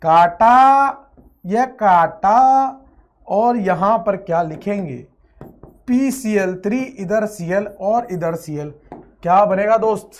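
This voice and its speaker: A man teaching a chemistry lecture with energy and playfulness. He stretches out words, chants repeated phrases, and swings between loud outbursts and quiet asides. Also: high-pitched, slow. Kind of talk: online exam-prep lecture.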